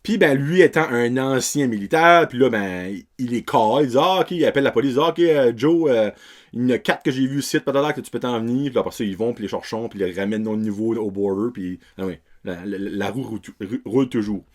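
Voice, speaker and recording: A man's voice: mid-range voice, brisk. A young man with a Québécois French accent, hosting a casual film review podcast in a rambling way, dropping English words and slang as he goes. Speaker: podcast host.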